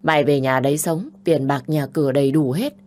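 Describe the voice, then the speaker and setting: A woman's voice: sits low, brisk, a little mellow, close to an everyday voice. A woman voicing a bossy, scolding older sister. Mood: pushy. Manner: nagging, scolding, harsh.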